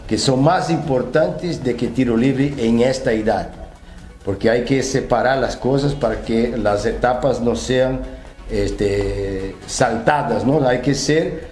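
Relaxed older Brazilian man, mellow voice. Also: mid-range voice, echoey room. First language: Portuguese. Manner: relaxed, hesitant with many fillers. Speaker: football academy director. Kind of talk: casual interview answers. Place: television studio.

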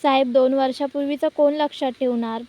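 A woman's voice: high-pitched, fairly even intonation, brisk, mellow, lightly acted. Woman retelling as a nervous male bank manager. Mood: explaining. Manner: retold in the narrator's own voice.

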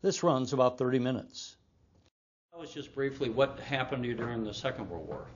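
A man hosting a TV interview, asking measured, leading questions. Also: mid-range voice, animated, muffled recording, background noise. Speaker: interviewer, TV host.

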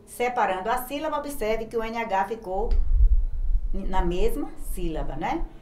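A woman's voice: on the high side, lively intonation, measured pace, a little mellow, roomy sound, a little hiss or hum, low-quality recording. A woman teacher with a Brazilian Portuguese accent giving a recorded grammar lesson to young children, patiently spelling out letters one by one. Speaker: primary school teacher.

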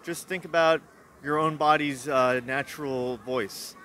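A young man giving calm, hesitant advice in a street interview outdoors, into a handheld mic. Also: fairly high pitch, a little slow, a little hiss or hum. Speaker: passerby.

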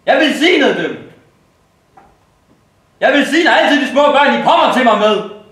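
Brief: a man as a preaching messianic father figure, wildly swinging pitch, heard in a booming echoing hall. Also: sing-song, a bit bright, heavily acted. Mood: solemn. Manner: solemn, preaching. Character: menacing messianic man proclaiming himself father. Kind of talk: stage drama monologue. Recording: echoey stage from far off.

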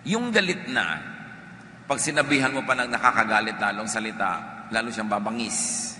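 Emphatic bright-voiced pastor preaching. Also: male voice, fairly low pitch, lively intonation, moderate pace. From Philippines. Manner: emphatic preaching with humorous asides to the congregation. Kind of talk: sermon. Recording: echoey hall with faint background noise.

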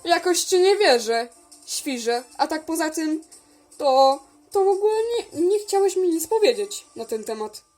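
A woman's voice: high voice, expressive, unhurried, darkish tone, soft background music. A woman voicing a rude, quarrelsome female hamster who scolds and calls names, in a toy figure role-play. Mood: mocking. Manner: scolding, name-calling.

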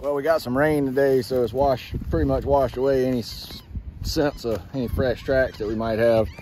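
A relaxed man in his thirties talks straight into a handheld phone as he walks through a windy coastal marsh, easygoing and upbeat in a casual outdoor vlog. His voice sits at an ordinary middle pitch, and clear wind and outdoor ambience run under everything he says. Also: moderate pace, low-quality recording. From South Carolina. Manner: laid-back and excited, talking while walking. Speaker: trapper. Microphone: phone held at arm's length.

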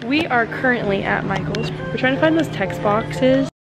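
A young American woman chatting casually to her vlog in a bubbly, sorority-girl manner, with a creaky edge to her voice. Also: a little high, expressive, moderate pace, over loud music. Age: young adult. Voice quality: creaky vocal fry. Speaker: student vlogger, sorority member. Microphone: handheld camera at arm's length. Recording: faint to clear background noise, handheld camera.

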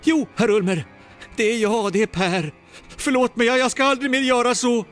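A man's voice: fairly even intonation, fairly bright tone, soft background music. A man voicing a terrified young man begging for mercy in a spoken ghost story. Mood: pleading. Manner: high, frantic, pleading.

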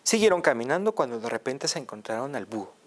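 A male storyteller, narrating a children's tale in a lively, playful way. He leans on repetition and reaches up and down in pitch to act out the scenes. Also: quick pace.

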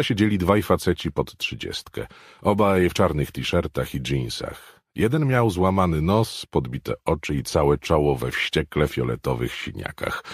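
A man narrating a thriller audiobook with dramatic expression. His voice is deep and husky, with a wide melodic swing, and the recording is close and dry. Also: dry recording. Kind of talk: scripted narration.

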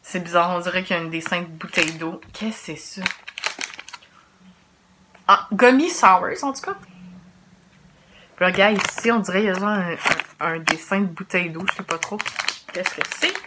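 At home, a soft-spoken Québécois vlogger tastes snacks in a casual video, chatting quietly and reacting aloud as she eats. Her Québécois French is brisk, fairly even in intonation and lowish in pitch. The home recording is noisy, with wrappers crinkling throughout.

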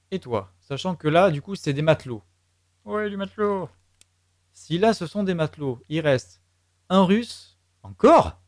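A man's voice: on the high side, dry recording, studio quality. Man muttering through a game stream. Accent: French. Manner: thinking aloud, muttering to himself and chat. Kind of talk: live let's play commentary.

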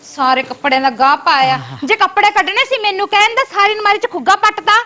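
A woman playing a shrill, nagging headman's wife. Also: fast. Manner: sharp, sarcastic nagging.

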